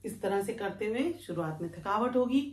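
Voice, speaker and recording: A woman yoga teacher giving a calm, step-by-step breathing lesson while she demonstrates it. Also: medium pitch, normal speed. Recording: echoey room with faint background noise.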